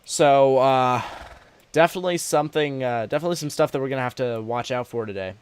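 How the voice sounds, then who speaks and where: A man with a sore throat giving casual, unscripted live weather commentary as a livestream host, halting and informal. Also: medium pitch, smooth. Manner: informal, halting, addressing viewers as y'all.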